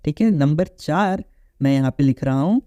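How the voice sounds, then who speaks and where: A man's voice: on the high side, lively intonation, moderate pace, mellow, dry recording, muffled recording. A man teaching an online phonetics lecture in Hindi mixed with phrases, explaining patiently and asking the class questions. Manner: mixes English phrases into Hindi.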